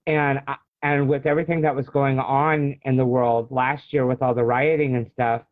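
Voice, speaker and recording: An American man from the United States speaks as a guest author in an interview, casual and storytelling, explaining at length. His mid-range voice has little pitch movement and a normal speed. The audio is thin and phone-like, with no room sound.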